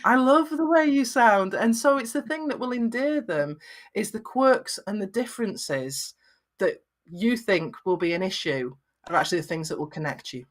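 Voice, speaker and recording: A middle-aged woman with a Lancashire accent and very flat vowels, giving encouraging, conversational advice in an interview. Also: medium pitch, moderate pace. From Lancashire, northwest England. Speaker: video confidence coach and podcaster.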